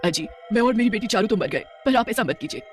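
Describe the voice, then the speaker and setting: A woman's voice: mid-range voice, lively intonation, fast, soft background music, natural voice. A woman playing a wronged mother turned ghost. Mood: vengeful.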